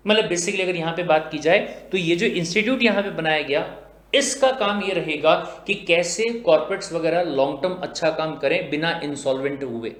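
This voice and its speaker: A man teaches a recorded exam-prep lecture. His voice sits high, and the room adds a strong echo. He asks his own questions, answers them himself, and drops into slow, careful reading for the English passages. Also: fairly bright tone. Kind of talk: recorded lecture explaining a textbook. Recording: echoey room.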